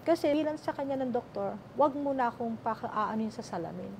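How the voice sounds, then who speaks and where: Animated high-voiced Filipina storyteller. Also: female voice, fairly quick, creaky, slight background noise. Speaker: interview guest. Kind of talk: emotional sit-down interview.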